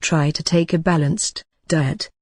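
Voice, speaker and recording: A woman playing a reassuring ward nurse in a scripted role-play, speaking gently, calmly and rather formally. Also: deep voice, a little slow, husky, no echo. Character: reassuring female ward nurse counselling a patient. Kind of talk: scripted role-play dialogue for exam practice.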